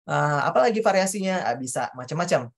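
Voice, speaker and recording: A woman with a low, deep voice leads a workshop before an audience. She talks straight to her listeners and acts out sample questions in their voice. She often stops and restarts mid-sentence as she explains. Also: expressive, brisk. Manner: addresses the audience directly, acts out example questions; hesitant restarts while explaining. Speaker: speaker at a coaching talk. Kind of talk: presenting a workshop on self-questioning. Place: talk venue before an audience.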